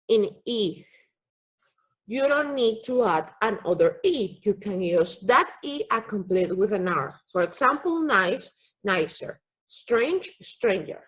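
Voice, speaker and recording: A woman teaches English grammar over an online class, speaking slowly and patiently. Her voice is husky and slightly high, and the audio is dull and lo-fi from a computer mic. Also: a bit bright. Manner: slow, patient explaining with frequent "okay?" checks. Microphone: computer mic on a video call.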